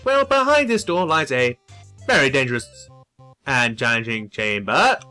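Robot guide in a game, stiff formal explainer; a man puts it on, bright tone. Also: medium pitch, animated, moderate pace, smooth, faint music behind, voice pushed down. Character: robotic male guide companion.

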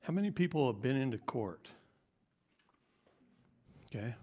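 A man speaking at a seminar in a mid-range voice, animated and joking with the room. When he gets worked up, his voice climbs noticeably higher. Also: a little slow. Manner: animated, jokey, voice rises high when worked up. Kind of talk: live seminar talk.

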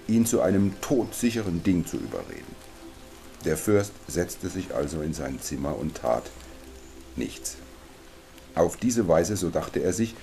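A man narrating a first-person fantasy audiobook in a calm, measured way. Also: low-pitched, gravelly.

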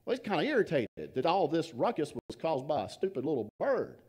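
Pastor guy preaching, mellow dark voice, gets quiet on the big words, storyteller vibe. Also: on the high side, big pitch swings, brisk, husky. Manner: storytelling, trailing off softly for emphasis. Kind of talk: sermon.

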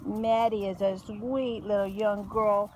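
A woman talking gently to a dog in a cooing, affectionate baby-talk voice. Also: mid-range voice, flat delivery, slow pace, slight background noise. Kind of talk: casual talk to a dog on camera.

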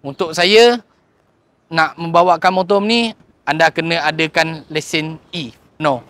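A man's voice: on the high side, fairly even intonation, unhurried, fairly bright tone. A man in his thirties with a Malaysian Malay accent, casually walking through a motorhome and explaining its features, slipping English words into his speech. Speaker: motorhome dealer giving a tour. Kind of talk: walkthrough tour vlog. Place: outdoors by a bus, then inside the motorhome. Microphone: lapel mic.

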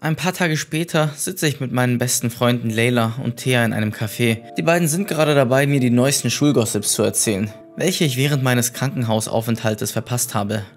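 Man, horror story narration, scripted, middle pitch, faint music. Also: brisk, hardly any pauses.

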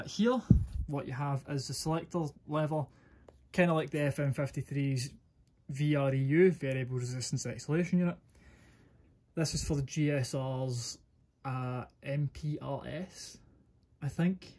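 Guy casually reviewing gear, mid pitched voice, rambles and corrects himself. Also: a little mellow. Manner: informal, rambling, self-correcting. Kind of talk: casual hands-on product review.

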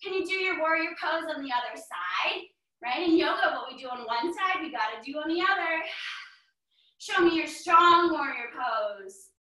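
A woman's voice: high voice, animated, moderate pace, bright, forceful tone. A woman teaching a children's yoga class, calling out poses in an upbeat, encouraging, sing-song way. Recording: echoey room, voice from far off.

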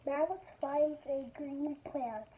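High-pitched child, slow and deliberate. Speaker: young video maker reading a storybook aloud. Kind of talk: halting read-aloud of a picture book with casual asides. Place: small bedroom, indoors. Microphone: phone or tablet at arm's length. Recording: dull lo-fi device mic, background noise.

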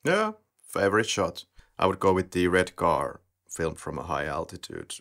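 A man's voice: sits low, big pitch swings, moderate pace, fairly bright tone. A man hosting a film podcast, speaking in brief, matter-of-fact prompts. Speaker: podcast host. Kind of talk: casual podcast discussion.

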